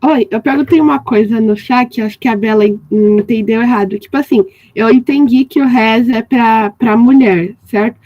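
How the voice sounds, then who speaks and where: A woman's voice: a little high, moderate pace, hardly any pauses, dry recording. A young woman student asking a question on a video call, casual and saying "tipo" often. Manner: casual, uses "tipo" a lot. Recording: dry, dull lo-fi call audio.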